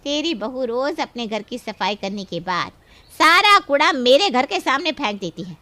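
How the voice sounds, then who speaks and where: Woman doing a shrill quarrelsome cartoon neighbor. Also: big pitch swings, moderate pace, dry recording, heavily acted. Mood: angry. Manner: yelling, scolding. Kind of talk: cartoon voice acting.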